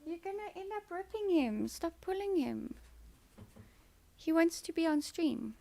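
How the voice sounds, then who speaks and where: A woman live streamer with an extremely high, gravelly voice chats casually and unhurriedly with her viewers, sounding soothing and expressive over crowd noise. She playfully answers comments, then breaks into firm, repeated no's.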